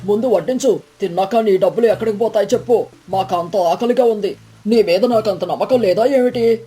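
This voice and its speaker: Woman voicing a greedy bullying village man, loud and indignant, dark husky tone, storybook. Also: on the high side, fairly even intonation, brisk. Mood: blustering.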